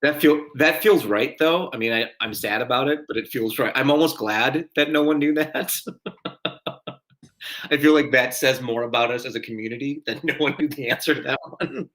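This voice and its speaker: A man's voice: medium pitch, normal speed, fairly bright tone, rough recording. A man hosting a live-streamed trivia night, chatty and self-deprecating, often chuckling at his own mistakes. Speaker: trivia host.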